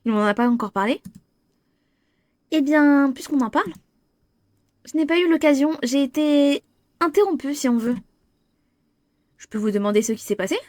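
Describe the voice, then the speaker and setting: Young woman streamer voicing a visual novel; excitable, cursing, slightly high, dry close sound. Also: normal speed, pauses often, no echo. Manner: excitable, swears, restarts lines. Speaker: gamer. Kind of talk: playing a visual novel aloud.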